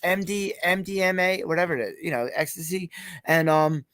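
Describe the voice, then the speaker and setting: A man's voice: high voice, fairly even intonation, brisk, fairly bright tone, no room sound. Rambling, loose-talking man host. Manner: loose, rambling, swears casually. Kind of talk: casual interview chat.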